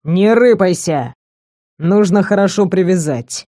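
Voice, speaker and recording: A woman voicing a gruff male werewolf kidnapper who gives clipped, cold commands. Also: lowish voice, expressive, a little slow, warm tone, no room sound, clean studio sound. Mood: curt, cold.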